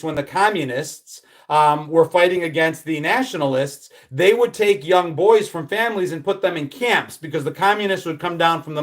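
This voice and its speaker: Hosting a live stream, a man from the United States in his fifties talks casually at a fairly high pitch. He reads viewer comments out loud and rambles, frequently starting over.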